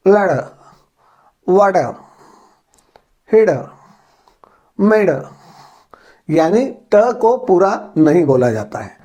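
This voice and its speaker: A man whose first language is Hindi, slowly explaining English pronunciation step by step in a spoken-English lesson. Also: high-pitched, warm tone. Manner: slow, careful, explaining step by step. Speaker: English teacher.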